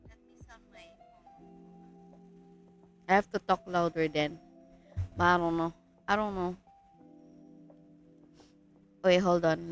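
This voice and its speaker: A woman's voice: fairly low pitch, creaky. A woman with a Filipino accent chatting casually on a livestream, giggling often, her voice stuffy and congested from a cold. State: stuffy nose, sick voice. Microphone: streaming mic.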